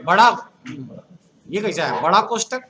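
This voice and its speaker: Against a noisy background, a very animated man speaks in a high pitch, a little slowly. He's a computer teacher from Uttar Pradesh with a matching Hindi accent, lecturing his class while quizzing and joking with the students.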